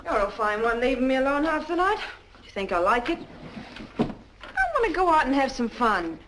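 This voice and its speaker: Pouting young woman, lively high voice, old film hiss. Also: moderate pace. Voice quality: pouting, complaining. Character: neglected young woman, restless and sharp-tongued. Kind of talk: 1940s film acting.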